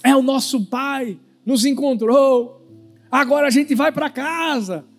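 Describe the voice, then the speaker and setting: A man voicing a calm storybook husband lost in a forest, who talks in a soothing, reassuring way. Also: very high voice, takes it slowly, faint music behind, voice pushed up, heavily acted. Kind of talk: bedtime story told in a sermon.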